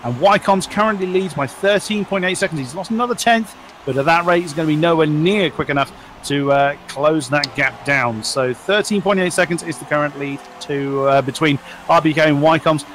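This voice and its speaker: A man with a notably high voice calls a car race as a live motorsport commentator. He reacts to the track action with exclamations. Faint engine and background noise sits under his voice. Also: a little fast, a bit bright.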